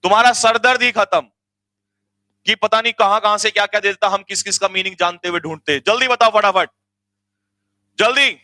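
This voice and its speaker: Bright high-voiced energetic male tutor. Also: brisk, pauses often, dry recording. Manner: energetic, urging students to hurry, repeats and quizzes them. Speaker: grammar teacher. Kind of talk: online exam-coaching lecture.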